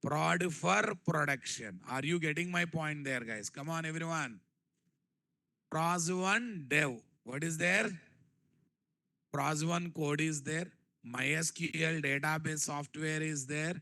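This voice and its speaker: A man's voice: fairly high pitch, takes it slowly, sharp tone, no room sound. A man with a Telugu Indian accent teaching a technical class, repeating phrases and quizzing his listeners with rhetorical questions. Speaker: programming instructor. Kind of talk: live classroom-style technical lecture.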